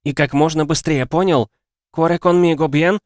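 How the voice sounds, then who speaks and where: A man's voice: on the high side, steady tone, moderate pace, a little mellow, dry recording, clean studio sound, pitched above the performer's own voice, natural voice. A man voicing a fierce, determined grown woman in an audiobook, speaking urgently and commandingly in a raised voice. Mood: urging. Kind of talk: audiobook character voice.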